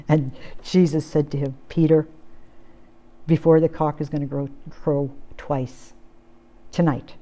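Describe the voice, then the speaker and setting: A woman delivers a sermon in an expressive way. She acts out the quotes she reads, lifting her voice high and strong on the declarations and sinking it low and soft on the sorrowful lines. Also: slow pace, long pauses. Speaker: preacher.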